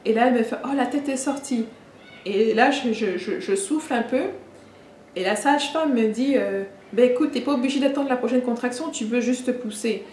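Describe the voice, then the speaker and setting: Woman telling a story, echoey room. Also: a little high. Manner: warm, halting retelling with many restarts and fillers. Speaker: vlogger. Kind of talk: personal storytelling vlog. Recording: echoey room with faint ambient noise.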